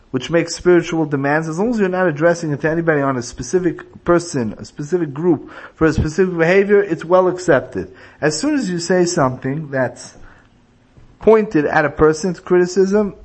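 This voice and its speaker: A man teaching a religious lecture, explaining points through illustrative stories. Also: fairly high pitch. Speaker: rabbi teaching a class.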